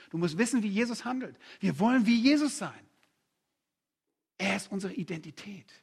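A man preaching a conference sermon, animated and direct, firing rhetorical questions at the crowd and acting out quoted voices. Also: on the high side, vocal fry, breathy edge.

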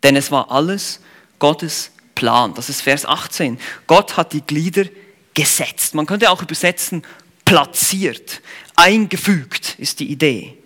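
A man preaching an expository sermon in a high, bright voice that leaps up and down with feeling. He talks earnestly to the congregation, puts rhetorical questions to them and stops to explain Greek words. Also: expressive, measured pace. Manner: explains Greek word meanings.

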